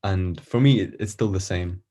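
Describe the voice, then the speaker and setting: A man from Iran, an artist guest on a podcast, talking casually and thinking aloud with many pauses and fillers. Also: low-pitched, warm tone.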